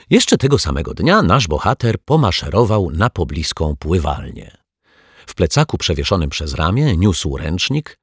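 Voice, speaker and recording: A man's voice: low-pitched, husky, no echo, studio quality. A man narrating a children's audiobook in a playful storytelling manner, speaking to the listener.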